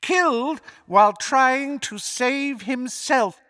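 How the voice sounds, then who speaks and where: A cold, menacing dark lord from a fantasy audiobook. The voice sits high and silky with a soft hiss. He draws his words out slowly and pompously, mocking whoever he addresses. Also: lively intonation, dry recording, clean studio sound, exaggerated voice. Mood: relishing lie. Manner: slow, drawn-out, pompous menace.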